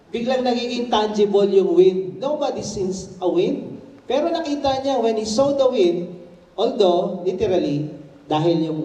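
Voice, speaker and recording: A man preaches with high, mellow tones and plenty of animation, building his sermon like a story and shouting at its peaks. The sound carries the echo of a roomy church hall, picked up from a distance. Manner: animated storytelling preacher, mixing Tagalog and English, rising to shouts. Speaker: pastor. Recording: echoey church room, mic at a distance.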